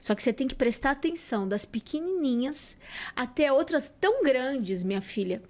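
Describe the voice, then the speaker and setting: A woman with a Santos Brazilian accent, a podcast guest and psychologist, telling a personal story in an animated way. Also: high voice, moderate pace. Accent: Brazilian Portuguese, Santos. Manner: animated, acts out quoted dialogue. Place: podcast studio.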